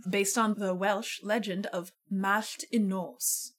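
A woman's voice: mid-range voice, steady tone, slow, fairly bright tone. A woman hosting a radio show from a living room studio, chatty and patient as she explains words, often laughing. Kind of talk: casual chat.

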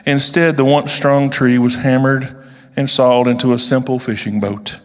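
A man reading a storybook aloud, slow and with deliberate pauses. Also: mid-range voice, steady tone. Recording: long reverb of a large hall.

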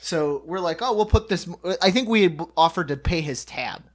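A man's voice: on the high side, expressive, fairly quick. A man in casual chat telling a rowdy anecdote, loose and chatty, with swearing.

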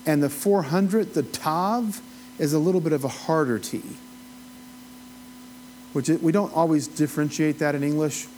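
Man, Appalachian accent, folksy conversational Bible teacher, slightly high voice, noisy recording with a hum. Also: moderate pace, pauses often, darkish tone. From Appalachia, United States. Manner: folksy, rambling asides, asks the listeners questions. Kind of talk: informal teaching, conversational lecture.

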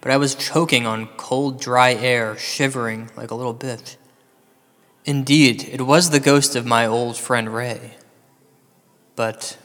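A man's voice: medium pitch, a bit bright. An actor playing a paranoid, self-pitying paranormal radio host in an ominous late-night storytelling style, rambling and half-joking in his drama. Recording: long hall-like reverb.

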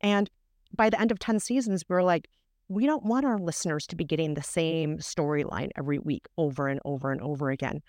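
Woman, lower register, dry close recording, emphatic encouraging interview guest. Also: fairly quick, a little mellow, no echo. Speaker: podcast guest, podcaster. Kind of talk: explanatory interview talk.

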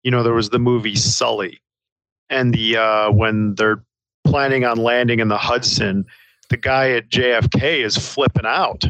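Casual film-chat guy, calm and even, dry mic. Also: mid-range voice, moderate pace, no echo, rough recording.

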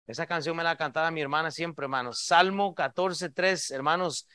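A male pastor delivers an impassioned sermon in a high, ringing voice. The sound is dry and close, with little room around it. He swells to loud peaks and then sinks to quiet, pleading lines. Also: moderate pace, clear, resonant tone, dry recording. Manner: impassioned preaching, rising and falling in force. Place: church.

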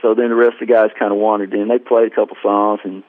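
Speaking quickly in a lowish voice with little pitch movement, a man tells a long, meandering story about himself with a self-deprecating streak. He's a guest musician in a casual storytelling interview on a tinny phone line, acting out what people said, and the recording is dry and close.

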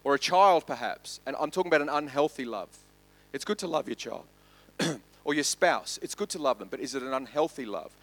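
A man pastor preaching a sermon, building loud and quick through lists and then dropping to soft, slow emphasis. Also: medium pitch, expressive.

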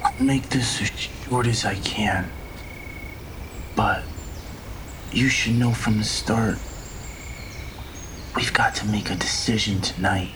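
A man in whispered role-play storytelling, recounting events in a slow, whispered first-person voice. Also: lowish voice, fairly even intonation, background noise.

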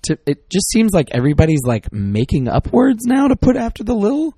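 A middle-aged man co-hosts a podcast in casual chat, sounding exasperated as he rambles and cuts himself off mid-word. His high voice is very animated, warm and husky and a little fast, with no room sound.

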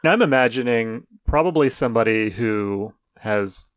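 A man of middle pitch co-hosts a podcast, talking in a relaxed, unhurried way and laughing easily. The sound is dry and close-miked, with no room echo. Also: clean tone. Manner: laid-back, easily amused. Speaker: podcast co-host. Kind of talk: casual chat.

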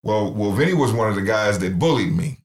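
A man's voice: lowish voice, animated, a little fast. A middle-aged man, founder of a ministry, earnestly telling his life story in an interview and acting out the voices he quotes. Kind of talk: personal testimony in interview.

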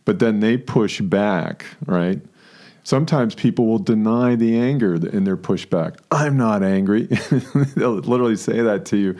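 A man's voice: lowish voice, unhurried, dark tone. A man co-hosting a talk show, speaking casually, acting out quoted lines and laughing often. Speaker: podcast co-host.

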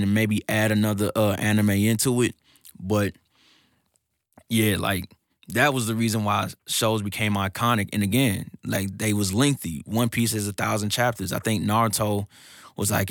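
A man's voice: fairly low pitch, a bit bright, no room sound, studio quality. A man talking casually on a podcast, ranting in slangy street talk with laughing asides. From United States. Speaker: podcast co-host. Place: recording studio.

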